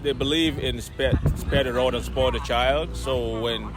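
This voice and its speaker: Man in his forties over loud wind noise. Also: medium pitch, a little slow. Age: 40s. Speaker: interviewed parent.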